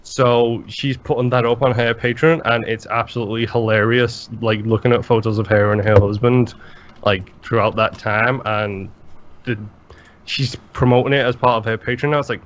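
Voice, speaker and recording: A rambling, animated Englishman chatting casually on a podcast, swearing as he goes. His voice sits at a middling pitch and comes through a slightly dull, lo-fi mic. A faint hum of noise sits underneath. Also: moderate pace. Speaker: podcast co-host. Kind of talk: casual chat.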